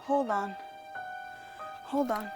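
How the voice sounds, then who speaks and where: High-voiced jumpy young woman vlogger. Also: very slow, music in the background. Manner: jumpy, anxious, keeps repeating herself. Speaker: gardening vlogger. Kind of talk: casual vlog talking to viewers. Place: outdoor home garden.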